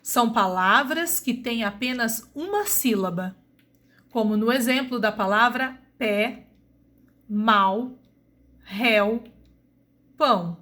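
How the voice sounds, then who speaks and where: A woman teacher with a Brazilian Portuguese accent giving a recorded grammar lesson, slowly and deliberately spelling out sounds. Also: fairly high pitch, animated, fairly bright tone.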